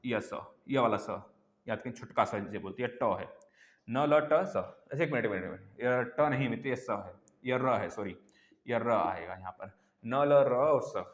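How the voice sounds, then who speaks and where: A man teaching an online exam-prep lesson, animated, sounding out letters aloud and calling his listeners friends. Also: medium pitch. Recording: echoey room with long reverb.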